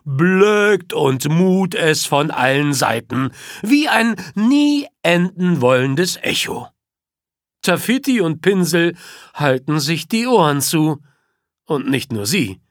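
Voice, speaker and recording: A man narrating a children's storybook in a playful, animated way. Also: on the high side, takes it slowly, dry recording, clean studio sound. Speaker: audiobook narrator.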